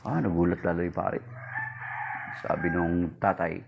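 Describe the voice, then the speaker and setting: A man preaching a homily, mixing Tagalog and English, telling a story and raising his pitch to act out its voices. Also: measured pace, creaky, dull audio, background noise. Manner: mixes Tagalog and English, addresses listeners as brothers. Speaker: priest. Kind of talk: homily with a told joke.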